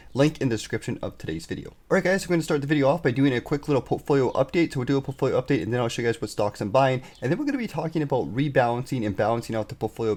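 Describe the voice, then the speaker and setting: Fast-talking stuffy-nosed man. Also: medium pitch, a little mellow. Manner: upbeat, talks straight to viewers with many fillers. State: stuffed up from a head cold. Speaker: investing channel host. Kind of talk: casual investing update.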